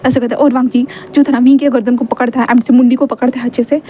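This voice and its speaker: A woman's voice: on the high side, flat delivery, very fast, warm tone, slight background noise. A woman casually narrating a fan-fiction story, voicing all the characters herself in one chatty tone, with stumbles and fillers.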